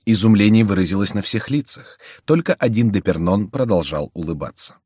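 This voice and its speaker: Expressive male audiobook narrator. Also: on the low side, fairly quick, breathy edge, dry recording, clean studio sound. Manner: expressive, voicing every character. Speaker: audiobook reader. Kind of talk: dramatic literary narration.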